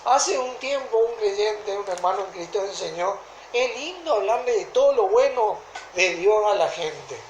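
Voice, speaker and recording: A woman with a Rioplatense Argentine accent preaching a sermon in a deliberate way, often stopping to ask whether listeners follow. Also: medium pitch, lively intonation, darkish tone, a little hiss or hum. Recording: echoey room.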